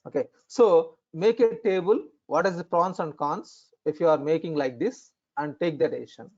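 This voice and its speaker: A man with an Indian accent explaining things as an instructor in an online lesson, in halting, repetitive phrasing. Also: on the high side, a little mellow. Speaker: instructor in functional finance consulting. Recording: dull, lo-fi online call audio.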